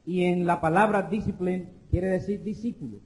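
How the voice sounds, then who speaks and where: A man interpreting a sermon line by line, keeping pace quickly with the preacher and sometimes restarting mid-phrase. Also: high voice, steady tone, a little mellow. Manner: quick, with restarts while translating. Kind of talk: live sermon interpretation into Spanish.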